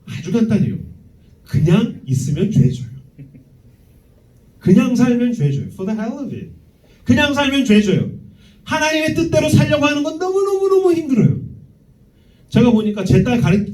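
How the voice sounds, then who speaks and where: Youth pastor guy preaching, fairly high voice that jumps around a lot, mellow tone, echoey room from a distance. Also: muffled recording. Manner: animated preaching, acts out quoted voices, laughs at own stories. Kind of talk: sermon. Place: church sanctuary.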